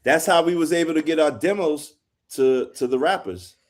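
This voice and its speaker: A man's voice: on the high side, normal speed. A man in his fifties, a guest producer telling stories in an easygoing, casual interview chat. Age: 50s.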